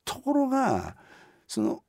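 Animated Kansai man telling a story. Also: extremely high pitch, slow pace, gravelly. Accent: Kansai (Osaka). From Japan. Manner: animated storyteller, acts out voices. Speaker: radio host telling his life story. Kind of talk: radio talk, storytelling.

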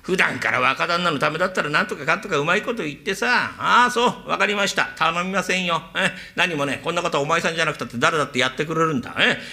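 A man's voice: fairly high pitch, fast talker, vocal fry, few pauses, sharp tone, exaggerated voice. A man doing an impatient spoiled young master. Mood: sulky. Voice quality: impatient, wheedling. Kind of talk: rakugo storytelling.

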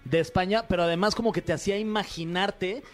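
A man's voice: high voice, quick pace. A man with a Mexican Spanish accent, a guest on a casual comedy podcast who laughs and chimes in a lot. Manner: laughs often, chimes in with short reactions.

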